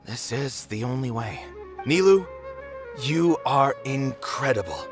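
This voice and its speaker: A man's voice: medium pitch, lively intonation, slow pace, soft background music. An actor playing an earnest, caring middle-aged male theater owner. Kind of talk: game voice acting.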